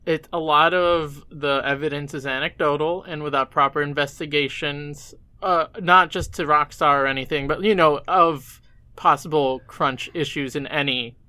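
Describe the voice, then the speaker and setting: A man co-hosting a game review podcast, mostly chiming in with short agreements and measured points. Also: on the high side, steady tone, sharp tone, no echo. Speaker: podcast co-host. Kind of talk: casual game review chat.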